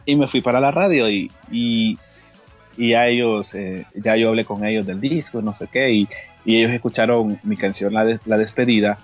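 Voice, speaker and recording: A man's voice: on the low side, steady tone, normal speed, faint music behind. A man with a Honduran accent, a guest singer and pastor, tells a personal story in an interview, acting out the dialogue and often repeating words. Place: radio studio.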